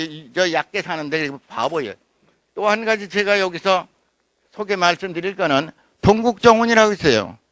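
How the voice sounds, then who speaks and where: A man's voice: high-pitched, pushed and bright, no echo. A man giving a lecture at an academic conference, speaking emphatically and firing off rhetorical questions while he writes on a blackboard.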